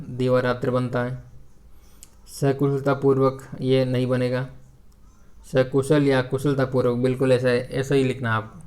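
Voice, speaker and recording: Man teaching a flat-toned grammar lesson. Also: medium pitch. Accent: Hindi. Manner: hesitant, many "uh" fillers and restarts; repetitive corrective phrasing. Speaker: exam prep teacher.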